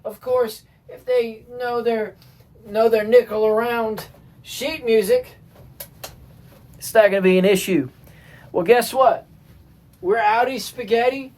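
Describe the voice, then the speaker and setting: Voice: mid-range voice, takes it slowly, long pauses. A music teacher giving a casual lesson, explaining at an easy pace and often checking in with "right?" while restarting phrases. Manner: relaxed, keeps checking with "right?".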